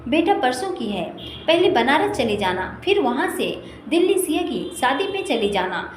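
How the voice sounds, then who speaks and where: A woman voicing a loving elderly grandmother who speaks in a gentle, soothing, motherly way. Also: high-pitched, very animated, normal speed. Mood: comforting. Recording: echoey room with faint noise.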